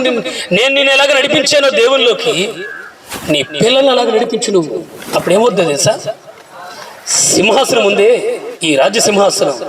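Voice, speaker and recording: A man's voice: extremely high pitch, fairly bright tone, pitched above the performer's own voice. A preacher voicing a fervent old king. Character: old king urging his son, fervent. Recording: distant mic, noisy hall.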